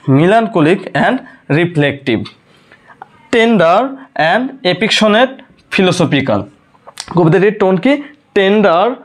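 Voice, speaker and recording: A male teacher from Bangladesh lecturing university students on a poem. He repeats key terms slowly and quizzes his listeners. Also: high voice.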